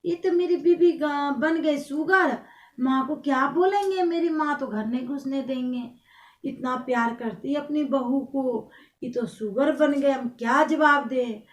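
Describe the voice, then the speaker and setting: A woman's voice: high-pitched, a little slow. A woman voicing a fretful young husband. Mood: panicked. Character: worried young husband, a grown son. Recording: roomy sound, mic at a distance.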